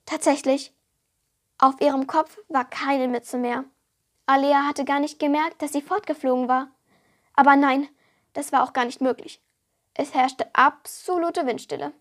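A woman with a high, light voice reads a story aloud in the manner of an audiobook. Her delivery is lively and storytelling, as if reading to young listeners. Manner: lively storytelling, voicing the characters. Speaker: reader of a book excerpt.

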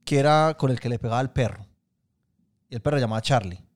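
A man with a Colombian Paisa accent co-hosts a casual podcast. He tells stories in an animated, loose way, full of street slang and easy swearing. His voice sits at an ordinary pitch for a man. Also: fast talker. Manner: animated, slangy storyteller who swears freely. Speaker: podcast co-host. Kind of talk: casual chat.

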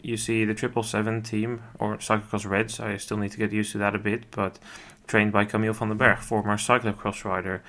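A man's voice: lowish voice, a bit bright. A man hosting a cycling podcast, asking long, rambling questions and correcting himself along the way. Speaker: podcast host. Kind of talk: interview questions.

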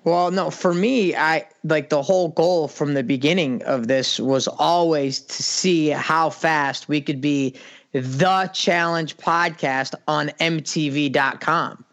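A man co-hosting a podcast, answering casually in halting sentences with restarts and swearing. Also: on the high side, fairly bright tone. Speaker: podcast co-host.

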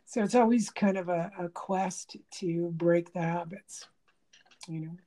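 A woman co-hosting a podcast in casual chat, talking haltingly with many fillers and restarts. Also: lowish voice, warm tone. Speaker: podcast co-host. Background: pet bird chirping.

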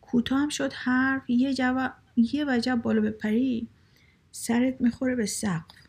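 A timid young husband who has found his nerve piles on exaggerated complaints in a storybook reading. The voice is raised, gravelly and husky, as a woman reads him. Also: medium pitch, mellow. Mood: exaggerating. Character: timid young husband Farid, suddenly bold.

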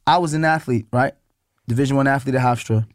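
Man, 30s, podcast co-host; playful banter, mid-pitched, close and dry. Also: fast, no room sound. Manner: playful, drops into a low soothing tone to make a point. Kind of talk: casual couple chat.

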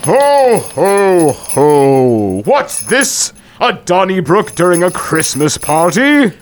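A man's voice: high-pitched, sing-song, slow pace, slight background noise, pitched above the performer's own voice, exaggerated voice. A man voicing a jolly old Santa Claus, with hearty grandfatherly laughter.

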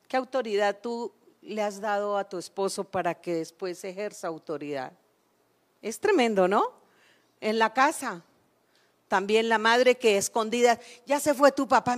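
A woman's voice: fairly high pitch, a bit bright. A woman preacher. She is emphatic and calls out questions to her congregation. Now and then she acts out the voices of everyday people. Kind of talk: sermon.

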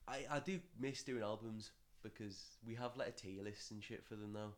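A young man hosts a casual podcast, rambling and doubling back on his own words, with offhand swearing. His voice sits on the lower side. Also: fairly even intonation, moderate pace. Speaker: podcast host.

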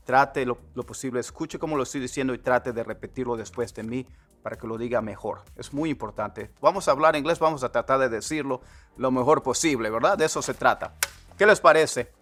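A man, a native Spanish speaker, teaching English phrases, repeating words slowly so learners can copy them. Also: medium pitch, fairly bright tone, soft background music. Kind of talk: Spanish-language English lesson.

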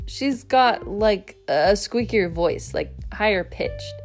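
A woman's voice: medium pitch, lively intonation, takes it slowly, soft background music. A woman voicing a nervous, scheming schoolboy who gives orders to his friends. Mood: bossy. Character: anxious, scheming schoolboy ringleader.

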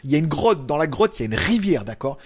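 A man chatting casually on a live stream, reading viewers' comments and joking, loud one moment and mumbling the next. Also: on the high side, big pitch swings, fast, slightly rough. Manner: loud, jokey, trails off into mumbles and chuckles. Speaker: tech YouTuber hosting a live stream. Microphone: small clip-on mic.

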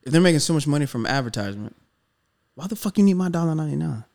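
A man's voice: fairly high pitch, very fast, gravelly. A man hosting a podcast who rants in casual chat and curses freely. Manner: ranting, profane, animated. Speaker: podcast host.

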